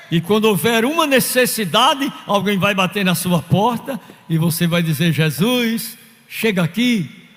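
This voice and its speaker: Brief: pastor, high voice, slow deliberate fervent sermon, church hall reverb. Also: male voice. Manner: fervent preaching with story-telling and quoted voices.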